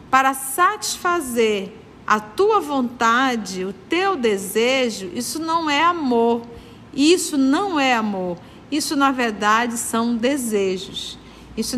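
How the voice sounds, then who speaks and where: Earnest Brazilian study leader from Manaus, high-pitched woman, preaching tone, reverberant room. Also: fairly bright tone, slight background noise. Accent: Brazilian Portuguese, Manaus. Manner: earnest, moralizing, repeats points for emphasis. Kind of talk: spiritist study lecture.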